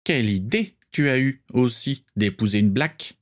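A man's voice: mid-range voice, animated, normal speed, voice pushed up, close to an everyday voice. A man voicing a sneering, bigoted pureblood wizard with a mocking tone.

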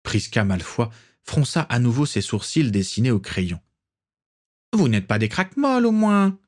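A man's voice: mid-range voice, big pitch swings, moderate pace, close to an everyday voice. A man voicing a haughty, imperious old aristocratic witch in an audiobook. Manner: imperious, condescending.

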